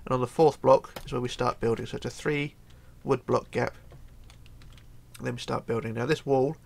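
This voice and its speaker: With a gravelly, medium-pitched voice, steady tone, and normal speed, a middle-aged man sick with a cold speaks hoarsely. He hosts a casual game build tutorial from his home computer desk, chatting away, counting blocks aloud, and mumbling as he goes.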